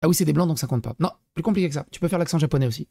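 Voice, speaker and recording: A man's voice: fairly high pitch, very fast, gravelly, mellow, husky. A man streaming live, reacting to clips with sarcastic, mocking asides and reading chat messages aloud. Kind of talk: casual live-stream commentary.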